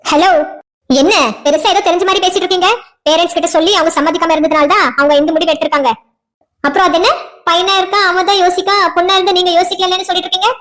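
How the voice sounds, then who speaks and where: Woman doing cartoon drama voices, south tamil accent, super high voice, talks really fast, fiery scolding tone. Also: steady tone, a bit bright. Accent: south Tamil Nadu dialect. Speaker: voice actor for a cartoon series.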